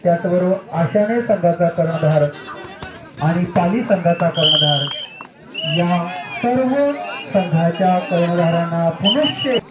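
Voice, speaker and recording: A man making formal announcements at a kabaddi tournament, heard through an outdoor loudspeaker. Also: high voice, very noisy. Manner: formal, drawn-out calling of team names. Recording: echoey muffled loudspeaker with loud crowd.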